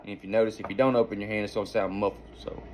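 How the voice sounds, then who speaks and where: A man's voice: on the low side, flat delivery, very fast. A man giving an informal hands-on lesson as a hunting instructor, explaining in a folksy, rambling way. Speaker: duck-calling instructor and hunter.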